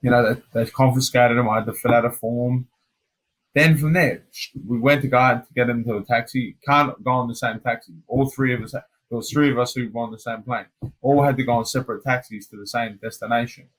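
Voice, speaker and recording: An Australian man, a fighter guest on a podcast, telling stories in a loose, animated way and often dropping "man" and "mate". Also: mid-range voice, brisk, rough recording. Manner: animated storyteller, peppers speech with "man" and "mate". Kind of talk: casual storytelling chat.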